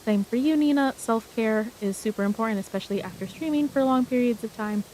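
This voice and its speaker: A woman hosts a casual game stream in a fairly high, cute voice. Her delivery is bubbly and playful, in an anime-streamer manner. A light noisy hiss sits behind her. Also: fairly quick. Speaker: streamer hosting a game livestream. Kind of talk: casual livestream chat while playing puzzle games. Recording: clear hiss of steady background noise.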